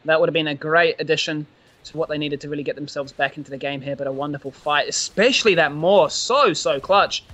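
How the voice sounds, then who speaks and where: Male esports caster, high voice, bright and tense, shouty play-by-play, straining voice. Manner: rapid, shouty calls during fights. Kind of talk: excited play-by-play commentary.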